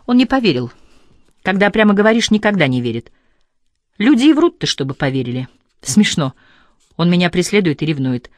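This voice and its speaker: A woman reading a novel aloud and voicing an impulsive, quick-tempered young woman who scolds and teases. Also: fairly low pitch, no room sound, studio quality. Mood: animated. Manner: lively, scolding, teasing.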